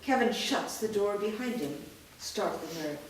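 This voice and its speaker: In a staged reading, a woman reads the scene directions of a screenplay steadily and matter-of-factly. Her medium-pitched voice has lively intonation and moves a little slowly. A little hiss or hum accompanies the distant, echoey recording.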